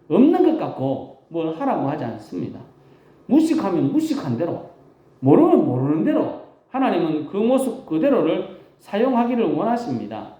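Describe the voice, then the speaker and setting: Animated Gyeongsang-accented country pastor preaching. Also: male voice, on the high side, roomy sound, muffled recording. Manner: folksy, emphatic, self-deprecating humor. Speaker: rural pastor. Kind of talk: Sunday sermon.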